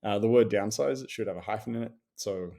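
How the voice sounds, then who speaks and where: A man's voice: fairly low pitch, fast, vocal fry, dark tone. A man with an Australian accent gives a casual, wry critique of property listings, full of sarcastic asides and fillers. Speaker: real estate commentator.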